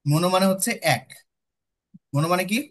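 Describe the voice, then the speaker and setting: A man's voice: high-pitched, fairly quick. A young man with a Bangladeshi accent tutoring students, explaining step by step and checking in with them often. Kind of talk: classroom lecture with student questions.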